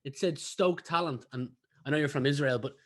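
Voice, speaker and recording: A man's voice: a little high, brisk, fairly bright tone. A man hosting a podcast interview, chatty and friendly. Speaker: podcast host. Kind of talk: casual interview.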